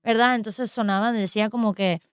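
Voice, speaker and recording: Woman, animated radio storyteller, clean dry studio sound. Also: medium pitch, fairly quick, smooth, no room sound. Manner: animated storytelling with many fillers. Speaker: co-host. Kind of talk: casual radio chat about a saint's life.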